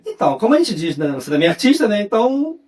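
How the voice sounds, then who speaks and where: A young adult man with a Carioca accent, a podcast guest who recounts memories in a relaxed, chatty way and often adds a questioning tag. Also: sits high, very fast. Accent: Carioca (Rio de Janeiro) Portuguese. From Rio de Janeiro, Brazil. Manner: relaxed storyteller, often ends phrases with a questioning "né". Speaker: guest, journalist and writer. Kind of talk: casual interview chat.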